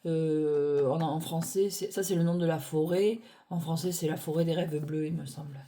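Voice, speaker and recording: Chatty hesitant woman, low voice. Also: fairly even intonation, moderate pace, warm tone. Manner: chatty, hesitant, self-deprecating, many fillers. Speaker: tarot deck reviewer. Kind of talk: casual deck review. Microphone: phone on a stand.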